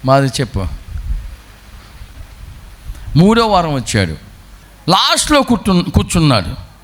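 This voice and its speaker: Brief: male priest, a little high-pitched, very animated, voices both people in his sermon story. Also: normal speed. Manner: storytelling, acting out both sides of a dialogue. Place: retreat center.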